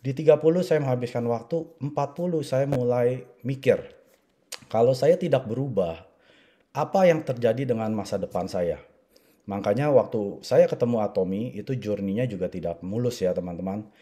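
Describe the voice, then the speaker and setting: A man's voice: mid-range voice, moderate pace, mellow. A man in his forties from Indonesia, telling his life story to an audience in a chatty way, often tagging sentences with little fillers. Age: 40s. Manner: conversational, frequent filler "ya" and "gitu". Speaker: network marketing speaker. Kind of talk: personal story talk to an audience.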